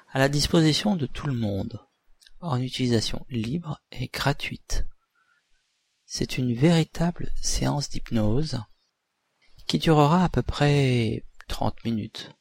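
A man, a hypnotherapist leading a relaxation session in a deliberate, soothing, breathy voice with pauses. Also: medium pitch, no echo. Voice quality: breathy, husky, at times near whisper.

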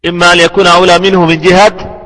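A male scholar giving a slow, deliberate classroom lesson on hadith terminology, repeating phrases so students can write them down. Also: sits high, level tone, fairly bright tone, in a large hall, rough recording. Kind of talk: slow classroom lecture with repetition for dictation.

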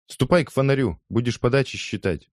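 A man's voice: medium pitch, brisk, no room sound, clean studio sound, voice pushed up, natural voice. A sulky boy captain, as a man voices him. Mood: indignant. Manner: grudging, indignant. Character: sulky bossy boy, cricket team captain.

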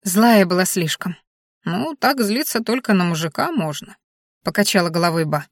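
Woman doing a gruff old grandmother. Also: fairly low pitch, animated, moderate pace, no room sound, clean studio sound. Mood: grumbling. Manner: grumbling, earthy scolding. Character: gruff, blunt elderly grandmother. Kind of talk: audiobook character voice.

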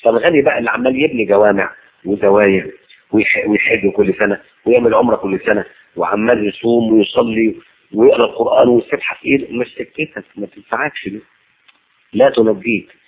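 An Egyptian man preaches a mosque lesson in colloquial Arabic, quick and lively, his pitch swinging high and low as he fires rhetorical questions at the room. His voice has a gravelly edge. It comes through a thin, phone-like old tape with a faint hiss underneath.

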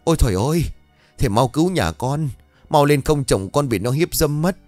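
A man's voice: on the high side, lively intonation, moderate pace, darkish tone, no echo, faint music behind, voice pushed up, close to an everyday voice. A man voicing a distraught older wife who wails and begs for help, in a told ghost story. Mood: wailing. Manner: wailing, tearful pleading.

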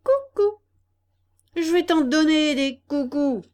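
A woman voicing loud schoolboy bullies. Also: high voice, lively intonation, takes it slowly, voice pushed up. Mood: threatening. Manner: loud threatening jeers. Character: rowdy gang of young schoolboy bullies.

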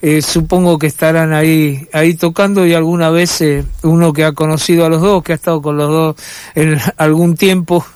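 A man's voice: fairly high pitch, flat delivery, normal speed, a little mellow, clean tone, no room sound. Man, Rioplatense accent, middle-aged, radio host, reflective, hesitant, dry studio sound. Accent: Rioplatense Spanish. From Argentina. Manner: reflective, many filler hesitations. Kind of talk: casual radio chat.

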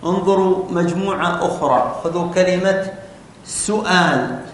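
Man teaching in a very echoey classroom. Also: moderate pace. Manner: explains step by step, often asks the class questions. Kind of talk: classroom lesson on spelling rules. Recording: very echoey room with faint rumble.

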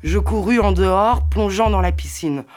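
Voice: mid-range voice, moderate pace, a little mellow, faint music behind. A voice declaiming absurd rambling verse. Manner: rambling, absurd, half-sung poetic declaiming. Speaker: participant reading on an event radio. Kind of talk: reading surreal poetic text. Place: makeshift radio at a summer gathering.

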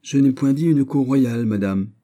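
A man voicing a proud, sharp-tongued young lady-in-waiting who answers back firmly in a storybook reading. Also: mid-range voice, normal speed, voice pushed up, close to an everyday voice. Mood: defiant. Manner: firm, retorting.

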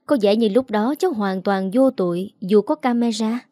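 A woman voicing a poised older wealthy woman who speaks calmly and teasingly. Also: mid-range voice, dry recording, clean studio sound, close to an everyday voice. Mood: coolly teasing. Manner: calm, teasing, unhurried.

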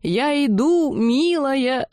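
A woman voicing a boastful male dragon head who sings in a high ringing tenor and takes offence easily. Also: lively intonation, extremely slow, a little mellow, dry recording, studio quality, exaggerated voice. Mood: delighted.

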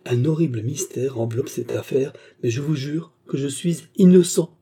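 A man's voice: medium pitch, moderate pace, warm tone, breathy edge, voice pushed up. A man voicing an earnest young accused clerk who pleads his innocence, in an audiobook. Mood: pleading.

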